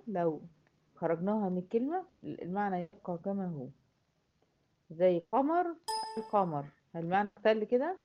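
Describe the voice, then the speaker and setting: A woman with an Egyptian accent teaching a Quran recitation class, patiently asking and answering her own questions and repeating each example slowly. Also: on the low side, a little hiss or hum. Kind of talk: classroom lesson. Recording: dull lo-fi recording.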